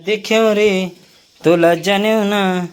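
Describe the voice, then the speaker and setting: Young male village vlogger, Chhattisgarhi accent, playful and loud, recorded outside with clear insect noise. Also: high-pitched, steady tone, slow. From Chhattisgarh, India. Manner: playful, loud, teasing children. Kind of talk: casual village vlog.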